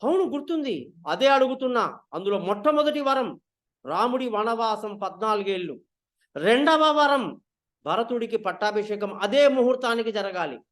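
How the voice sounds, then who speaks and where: A man's voice: high voice, expressive, moderate pace. A man voicing a furious scheming queen. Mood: demanding. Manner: loud, shouting.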